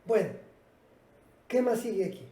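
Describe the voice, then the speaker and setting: A woman's voice: mid-range voice, expressive, unhurried, dark tone, roomy sound, low-quality recording. A woman teaching a patient, explanatory language lesson at a whiteboard, speaking directly to her students. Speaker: English teacher.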